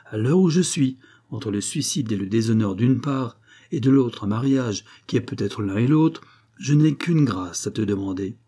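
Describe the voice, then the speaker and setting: A man's voice: mid-range voice, animated, normal speed, dark tone, husky. A man reading the part of a ruined young nobleman in an audiobook, sombre, resigned and proud.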